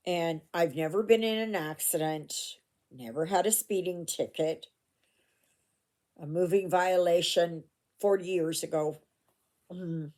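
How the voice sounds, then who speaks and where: Chatting casually as she stitches, an older Canadian cross-stitch vlogger rambles with asides and fillers, recorded at home on a phone camera. Her voice is deep and a little mellow.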